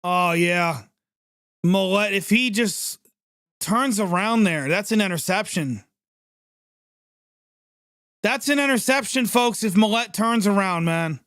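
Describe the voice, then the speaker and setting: A man hosting a live sports reaction stream, calling the plays as they happen in an excitable, chatty way and reacting quickly to each one. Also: high-pitched, clear, resonant tone, no echo, clean studio sound. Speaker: livestream sports reaction host. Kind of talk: live play-by-play reaction commentary.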